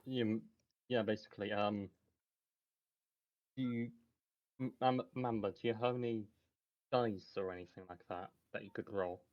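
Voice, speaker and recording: A low-voiced man runs a tabletop game session, halting and full of ums as he explains the rules. His voice comes through dull, lo-fi call audio. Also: fairly even intonation. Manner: hesitant, many fillers. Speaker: game master.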